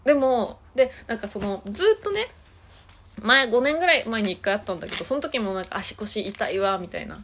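A woman's voice: a little high, big pitch swings, fast, a bit bright, a little hiss or hum. A woman, co-hosting a casual chat and telling a long story, acting out what people said. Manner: rambling storyteller, acts out quotes. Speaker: podcast co-host.

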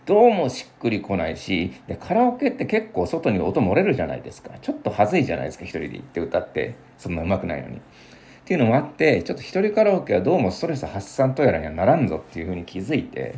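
A young man in his twenties chatting alone in a casual, rambling way, with many fillers and sudden lively bursts. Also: fairly low pitch, fast talker, slight background noise. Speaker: podcast host. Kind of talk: casual solo chat.

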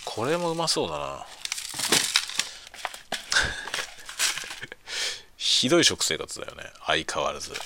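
A man's voice: lowish voice, wildly swooping pitch, takes it slowly, vocal fry, pauses often, very noisy. A man chatting casually and venting in a blunt, grumbling way, often breaking into chuckles. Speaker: streamer chatting on a lunch break. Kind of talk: casual chat, venting about work.

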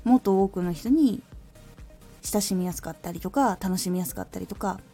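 A woman hosting a solo talk podcast, calmly and thoughtfully explaining her advice as a former voice actor. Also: mid-range voice, normal speed, soft background music. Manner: calm, reflective explaining. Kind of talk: solo talk radio monologue.

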